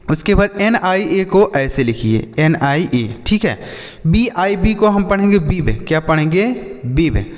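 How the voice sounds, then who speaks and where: A man's voice: high voice, big-room sound. A man teaching children to read long English words, spelling them letter by letter and often asking and answering his own questions. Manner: repeats questions and answers, addresses children directly.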